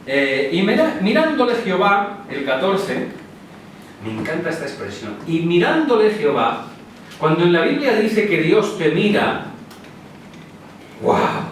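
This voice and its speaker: A man's voice: sits high, very animated, a little slow, pauses often, slight background noise. A man with a Spanish accent preaching a sermon in a church hall, telling the story in a casual, conversational way and acting out the quotes. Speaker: pastor. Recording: very echoey hall, preacher far from mic.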